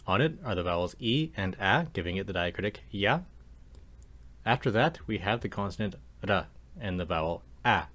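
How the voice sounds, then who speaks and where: A man teaching a language lesson over slides, explaining calmly and slowing down to demonstrate sounds. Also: sits low. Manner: calm, measured explanation with slow demonstrations of sounds.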